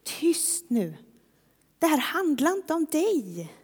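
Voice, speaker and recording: A woman voicing an impatient crowd that scolds and hushes a beggar, in a reverberant hall. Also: sits high, very animated, pitched above the performer's own voice. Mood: irritated shushing. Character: irritated crowd hushing a beggar.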